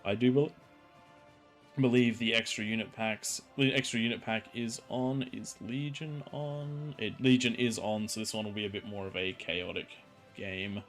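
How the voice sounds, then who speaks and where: A man hosting a game livestream, casually explaining things in a halting way, often rephrasing as he goes. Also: on the low side, steady tone, soft background music. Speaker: stream host, commentator.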